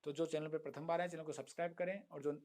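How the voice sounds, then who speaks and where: A man teaching a Sanskrit lesson, chanting verses slowly, then explaining them and answering his own questions. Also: on the high side, fairly even intonation, darkish tone. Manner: asks students questions and answers them himself. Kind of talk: online lesson.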